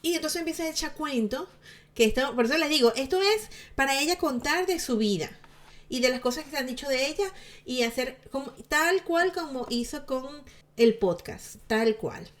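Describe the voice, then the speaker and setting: A woman's voice: high voice, expressive, moderate pace. A woman giving chatty, sarcastic commentary to her viewers, laughing often. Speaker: celebrity gossip vlogger.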